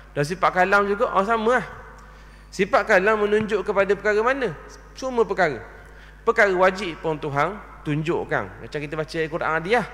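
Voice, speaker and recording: A man's voice: fairly high pitch, a bit bright. Man lecturing in echoing mosque. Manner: rhetorical questions answered himself, checks understanding. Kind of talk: religious lecture. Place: mosque hall. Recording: long reverb of a large hall.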